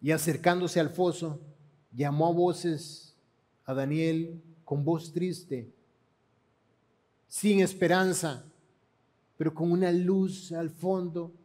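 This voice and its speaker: A man's voice: fairly high pitch, mellow. A man with a Panamanian accent preaching a sermon, retelling scripture dramatically and asking the congregation rhetorical questions. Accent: Panamanian Spanish.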